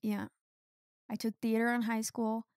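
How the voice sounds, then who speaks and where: A woman's voice: fairly high pitch, little pitch movement, unhurried, a little mellow, no room sound, studio quality. A young adult woman co-hosting a podcast, chatting casually with lots of filler words. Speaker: podcast co-host. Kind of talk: casual chat.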